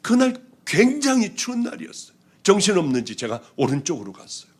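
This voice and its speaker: A South Korean male pastor preaches a testimony sermon, telling his own story through lively acted-out quotes that swing between loud outbursts and hushed whispers. His voice sits high, with a breathy edge, and he speaks briskly.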